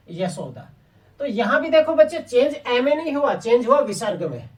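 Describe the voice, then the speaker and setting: A woman's voice: on the high side, far from the mic. A woman teaching a Hindi grammar class online. She asks the class questions and answers them herself, often calling her listeners children.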